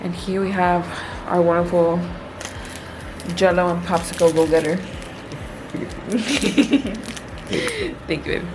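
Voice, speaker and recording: A woman's voice: fairly low pitch, flat delivery, moderate pace, pauses often. A young woman vlogs from a hospital bed, holding her phone close and chatting in a casual, upbeat way. She sounds tired from labor but stays light and self-deprecating. A faint hum of the hospital room sits under her voice. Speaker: vlogger. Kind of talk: casual vlog narration.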